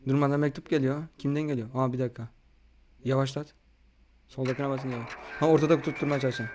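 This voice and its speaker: With music playing behind him, a man hosts a casual let's-play with a friend, bossing him around with instructions and complaints. His mid-range voice holds a steady tone at a quick pace, and there is some background noise.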